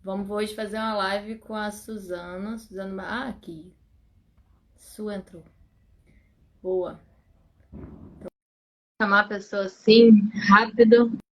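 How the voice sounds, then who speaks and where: A woman's voice: mid-range voice, fairly even intonation, unhurried, long pauses, a bit bright. A woman hosting a live stream from home, chatting casually and laughing easily. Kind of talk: casual chat. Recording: dull lo-fi sound with faint noise.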